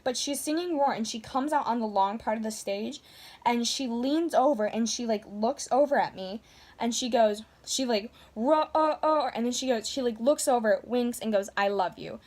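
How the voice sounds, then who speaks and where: Gushing woman vlogger, fairly high voice. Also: normal speed, a little mellow. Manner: gushing, heavy use of "like". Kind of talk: casual storytelling to camera.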